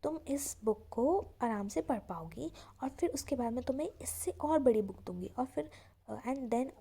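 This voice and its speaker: A woman voicing a kind, patient woman teacher who speaks softly and soothingly to a frightened pupil. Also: sits high, expressive, moderate pace, creaky, husky, heavily acted. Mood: gentle coaxing. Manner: soft, soothing, coaxing.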